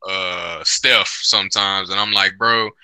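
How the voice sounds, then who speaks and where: Man, piercingly bright voice, dry sound, casual sports chat, slangy bro-heavy buddy talk. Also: low voice, fairly even intonation, measured pace, clear, resonant tone, no room sound.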